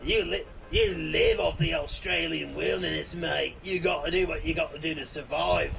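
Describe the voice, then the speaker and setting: A man voicing a cocky, crude outback Australian man in loud, exaggerated mock bluster full of 'crikey' and 'mate'. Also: a little high, normal speed, gravelly, a crowd in the background. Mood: boastful.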